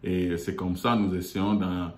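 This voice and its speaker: A man from Congo hosting his own online show, talking haltingly with many fillers and repeated words from a meeting room in an office. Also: low-pitched, little pitch movement. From Democratic Republic of the Congo. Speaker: YouTube show host. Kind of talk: hesitant monologue. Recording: echoey room.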